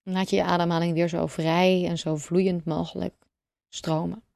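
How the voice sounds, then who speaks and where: Woman, guided meditation, mellow and gravelly tone, calm, slow, soothing, spacious pauses. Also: on the low side, dry recording, studio quality. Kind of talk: guided breathing meditation narration.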